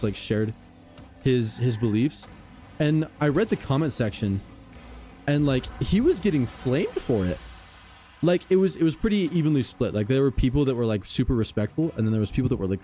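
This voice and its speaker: A man livestreaming games, chatting casually with viewers and telling stories in an animated, slangy way. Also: mid-range voice. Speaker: gaming livestreamer.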